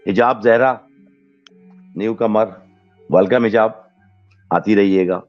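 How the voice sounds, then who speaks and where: A male podcast host in a casual chat, thanking listeners by name in a relaxed, chatty way and slipping into English thank-yous. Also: fairly low pitch. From Pakistan. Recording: dull lo-fi recording with faint music.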